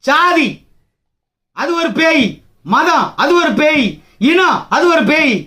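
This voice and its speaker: A man's voice: very high-pitched, slow pace, bright, forceful tone. A man from Tamil Nadu leading a trade union, giving a combative, taunting political speech full of rhetorical challenges.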